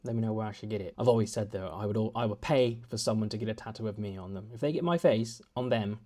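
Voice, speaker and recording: At home, a young British man rambles through a casual vlog, poking fun at himself and restarting his sentences again and again. He talks fast, in a fairly low and warm voice.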